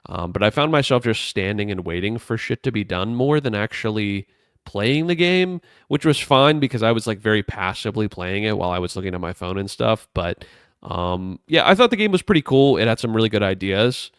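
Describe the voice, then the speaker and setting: A man co-hosting a casual gaming podcast, rambling in a relaxed way with lots of fillers. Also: lowish voice, fairly quick, clean tone, no room sound, clean studio sound. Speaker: podcast co-host.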